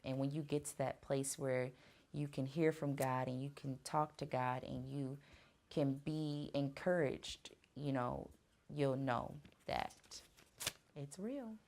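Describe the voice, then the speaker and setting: A woman speaks in an unhurried, low register as she answers fan questions on camera. Her delivery is earnest and reflective, with soft pauses and fillers. The tone is personal and sincere. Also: creaky. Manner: earnest, faith-driven speaking. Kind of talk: casual Q&A vlog.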